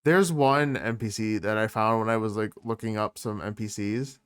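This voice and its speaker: A man's voice: on the low side, normal speed, clean tone. A man co-hosting a podcast in playful casual chat, laughing often. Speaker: podcast co-host.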